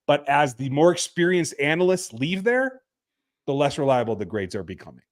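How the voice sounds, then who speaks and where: A man's voice: fairly high pitch, sing-song, normal speed. A man hosting a casual sports podcast over a remote call, reading listener texts and answering bluntly with frequent fillers and restarts.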